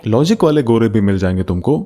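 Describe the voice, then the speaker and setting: A man with an Indian accent and a fairly low, lively voice talks fast against a noisy background. Hosting a casual commentary video, he is rhetorical and teasing, mixing Hindi and English slang.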